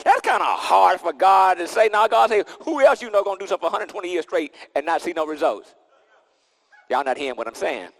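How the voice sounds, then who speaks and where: A man's voice: very high-pitched, big-room sound. A man preaching a sermon into a pulpit microphone, emphatic and repetitive, with casual vernacular and call-and-response. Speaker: pastor.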